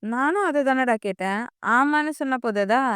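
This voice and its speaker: A middle-aged friend teases in a light, slightly raised voice, as a woman reads him in an audio story. The sound is clear and close, with no echo. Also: high voice, normal speed, a bit bright. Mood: teasing.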